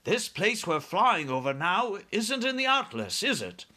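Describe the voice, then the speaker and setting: A man's voice: sits high, sing-song, measured pace, bright, forceful tone, pitched above the performer's own voice, exaggerated voice. A man voicing a cheerful, fearless young military pilot in a storybook, breezy and unflappable.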